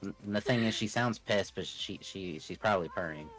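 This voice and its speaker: A man's voice: low voice, moderate pace, fairly bright tone, poor audio. A man co-hosting a casual live stream, making dry joking remarks. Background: faint background music.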